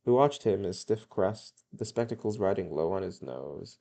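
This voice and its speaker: Low gravelly young man reading aloud. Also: animated, moderate pace, warm tone. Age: young adult. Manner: plain reading with occasional stumbles and self-corrections. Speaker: reader.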